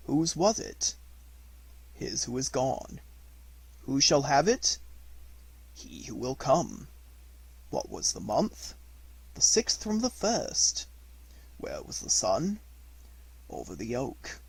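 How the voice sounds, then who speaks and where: Reading a classic detective story from a script, an amateur audiobook narrator lends his husky, mid-range voice an expressive delivery. The recording is rough.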